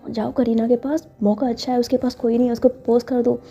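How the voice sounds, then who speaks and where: A pushy young woman, read by a woman narrator, scolds and prods her friend along. The voice is slightly high, dark and mellow. Dull lo-fi recording with faint music. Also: level tone, quick pace, slightly rough. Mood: bossy.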